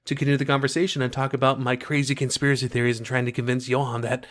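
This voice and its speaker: A man's voice: medium pitch, level tone, very fast, fairly bright tone. A man co-hosting a casual podcast, joking and insistent as he pushes a mock conspiracy theory and reads the show's sign-off. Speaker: podcast co-host.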